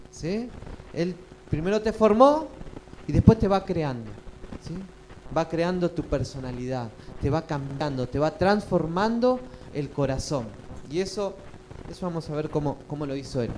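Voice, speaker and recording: A man's voice: sits high, a little mellow, a little hiss or hum, poor audio. A male pastor, preaching a sermon and often asking the congregation questions. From Chile. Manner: asks the congregation frequent questions.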